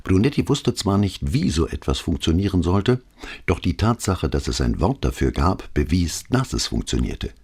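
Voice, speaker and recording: A man narrating a crime novel in a measured, expressive reading. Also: low voice, husky. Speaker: audiobook narrator.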